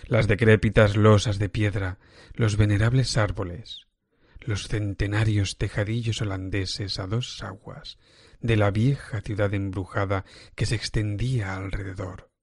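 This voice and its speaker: A man reading a classic horror story aloud as scripted narration, in a measured, deliberate way. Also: on the low side, steady tone, darkish tone, no room sound, clean studio sound.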